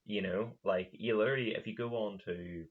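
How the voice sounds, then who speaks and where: A man's voice: lowish voice, steady tone, brisk. A male podcast host talking in a casual, rambling monologue, full of fillers and restarts. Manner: laughs at his own retelling. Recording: slightly dull lo-fi recording.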